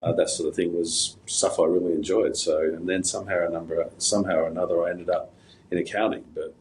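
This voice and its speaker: Deep-voiced man telling stories. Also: fairly even intonation, fast, darkish tone, slight background noise, poor audio. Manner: rambling anecdotal delivery with fillers and restarts. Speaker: guest. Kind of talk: casual interview storytelling.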